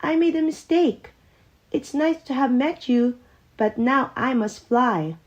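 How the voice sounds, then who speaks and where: Lady doing a mean greedy storybook dragon, pitched up high, big dramatic delivery. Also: takes it slowly, dull audio. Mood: flustered, apologetic. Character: mean, greedy dragon, boastful then spluttering.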